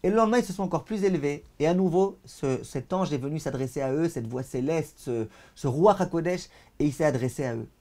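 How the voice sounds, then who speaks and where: A rabbi with a high voice teaches over a video call. He proclaims each passage with force, then explains it in a plainer tone. He often stumbles over and repeats words as he goes. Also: fairly quick. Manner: declaims passages loudly, then translates them in a calmer voice; repeats words while searching for them.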